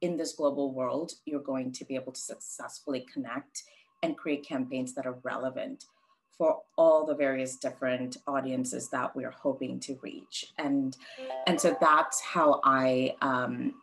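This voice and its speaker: A woman from Sri Lanka with a strikingly deep, low voice, answering interview questions as a guest. She talks things through reflectively, with frequent ums and false starts. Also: fairly even intonation, unhurried, vocal fry, soft background music, low-quality recording. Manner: reflective, thinks aloud with many ums and restarts.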